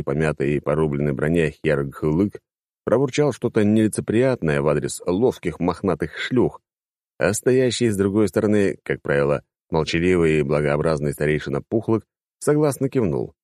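A man reading a first-person audiobook in a wry, lively narration style. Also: moderate pace, dry recording, clean studio sound. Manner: lively, wry, sweeping pitch.

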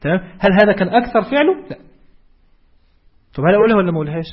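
A man with an Egyptian Arabic accent delivers a religious lecture in a high, husky voice. He talks quickly and keeps checking in with his listeners through rhetorical questions. The recording sounds dull and lo-fi. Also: sing-song. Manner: explanatory, asks rhetorical questions. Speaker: preacher.

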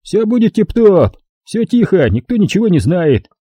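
A man reading an audiobook, voicing a menacing drunk gang leader who snarls crude threats in a husky, dark voice. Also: sits high, sing-song, normal speed, no room sound, voice pushed up, full character voice.

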